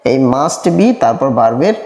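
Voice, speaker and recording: A man teaching a spoken English grammar lesson, repeating example sentences slowly and deliberately. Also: mid-range voice, animated, a little mellow. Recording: echoey room with long reverb.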